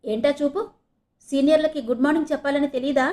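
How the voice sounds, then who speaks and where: A woman's voice: high-pitched, steady tone, fast talker, dark tone, pitched above the performer's own voice, natural voice. A woman narrator voicing teasing male college seniors mocking a newcomer. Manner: mocking, raised voice.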